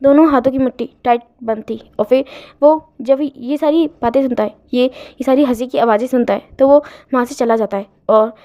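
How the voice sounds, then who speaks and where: A woman's voice: a little high, normal speed, mellow. A woman narrating a fan-fiction story casually, with many restarts and self-corrections.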